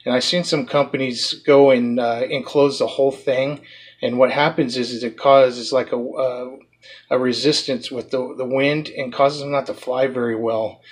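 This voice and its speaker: A man's voice: medium pitch, fairly even intonation, moderate pace, husky. A man giving a casual, rambling product review of a small drone, talking through the parts with many fillers and restarts.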